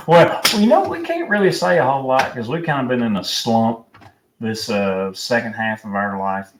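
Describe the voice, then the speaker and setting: A man's voice: mid-range voice, lively intonation, moderate pace. A man hosting a casual sports chat, rambling with many fillers. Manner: rambling, filler-heavy storytelling. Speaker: podcast host. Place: home room at night. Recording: roomy echo, distant mic, faint noise.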